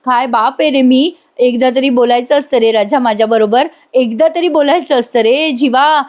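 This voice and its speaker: A woman reading the lines of a remorseful father apologizing to his son, emotional and gruffly tender. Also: high-pitched, moderate pace, a little mellow, close to an everyday voice.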